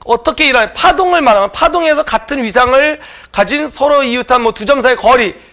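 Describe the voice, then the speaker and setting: Man, test-prep lecturer, gravelly, explanatory, fillers. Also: extremely high pitch, brisk, bright, forceful tone. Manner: explanatory, many filler "eo" sounds, addresses viewers directly. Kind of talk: online lecture explaining exam questions.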